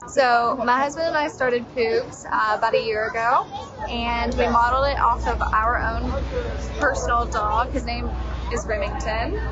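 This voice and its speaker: A woman small business owner answering interview questions casually at a market stall, explaining things in a friendly, slightly rambling way. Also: on the high side. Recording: muffled outdoor audio with crowd. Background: crowd chatter.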